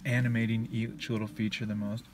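A man co-host in casual chat, joking and teasing in a deadpan way. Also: on the low side, fairly quick, noisy background.

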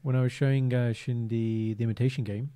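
A man's voice: medium pitch, fairly quick. A man, co-hosting a casual podcast from home, telling stories with playful energy and joking asides. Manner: animated, jokey storytelling with playful put-on accents. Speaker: podcast co-host. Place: home room, indoors. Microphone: desk mic on boom arm.

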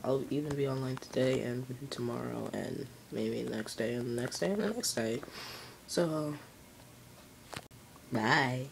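A video channel host making a casual announcement to viewers, halting and muffled by cloth over the face. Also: medium pitch. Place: indoors in a room, seated in an armchair. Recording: clear background room noise.

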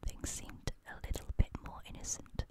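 A young woman reads a creepy story in a hushed, breathy ASMR whisper, very close to a studio microphone. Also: moderate pace.

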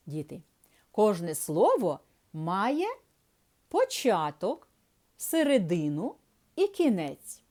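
A woman teaching a reading lesson to small children in a slow, sing-song teacher voice. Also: mid-range voice. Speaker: preschool teacher. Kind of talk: early-years reading lesson.

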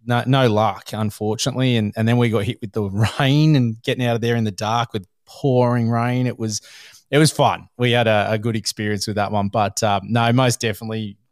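A man with an Australian accent hosts a podcast, spinning his stories in a loose, animated way with bits of laughter and casual slang. His voice sits low, and the sound is dry and close with no room in it. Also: a little fast, no echo. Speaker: podcast host. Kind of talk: casual storytelling chat.

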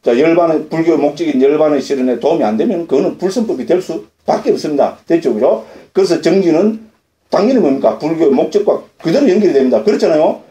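Here a Korean Buddhist monk lectures on the dharma at a Buddhist center, talking fast in a warm, slightly high voice with lively intonation. Questions he asks himself get his own answers, and short tag questions check that listeners agree. It's captured as roomy lecture-hall audio.

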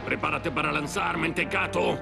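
A man's voice: on the high side, fairly even intonation, normal speed, vocal fry. A man with a Latin American accent voicing a bossy, short-tempered, scheming pirate captain in a dubbed cartoon, bombastic and insulting. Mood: bossy, angry. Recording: loud cartoon music behind.

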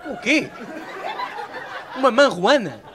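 Portuguese stand-up guy, high voice, loud and sweary crowd work, a bit of noise behind. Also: big pitch swings, slow pace. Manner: loud, profane banter with the audience. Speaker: stand-up comedian. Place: comedy stage before a live audience. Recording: live show with faint crowd noise.

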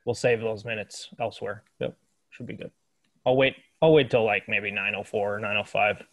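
A man's voice: on the low side, fairly even intonation, normal speed. A man chairing a meeting over a video call, easygoing and greeting each person who joins. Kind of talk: casual video-call chat.

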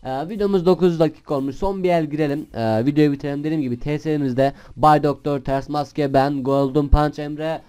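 A man's voice: fairly high pitch, steady tone, a little fast, few pauses, clear, resonant tone. A young man hosting a gaming channel, chatting casually and rambling while he plays. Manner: chatty and rambling, bursts into shouted swearing at other players. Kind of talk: casual gameplay commentary.

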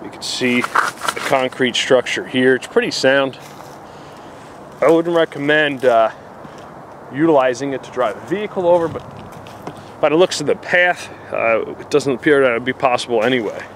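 A New Jersey-accented vlogger strolls through the woods with a handheld camera, narrating his finds in a plain, casual way peppered with fillers. His mid-range voice is fairly bright and moves at a moderate pace with long pauses, against slight background noise.

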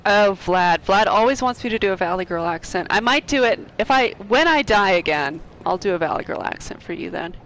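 A woman streaming a video game, chatting casually with her viewers and a co-op partner, bubbly and quick to laugh and joke. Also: medium pitch, animated, a bit bright, poor audio. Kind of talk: casual live-stream chat.

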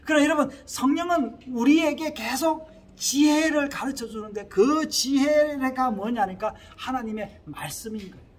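High-voiced Gyeongsang pastor preaching. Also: male voice, moderate pace. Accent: Gyeongsang Korean. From Gyeongsang region, Korea. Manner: earnest preaching with frequent rhetorical questions to the congregation. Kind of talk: sermon. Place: Korea-linked small church abroad.

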